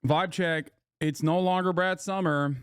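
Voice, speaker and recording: A man's voice: high voice, steady tone, measured pace, clean tone, dry recording, studio quality. A man hosting a live stream, ranting to his chat in a profane, emphatic way. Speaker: streamer host reacting to news. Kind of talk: casual live-stream commentary.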